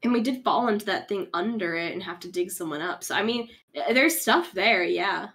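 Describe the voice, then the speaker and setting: A woman's voice: mid-range voice, a little fast, a bit bright. A woman chatting casually as a player during a game roleplay. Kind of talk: casual chat.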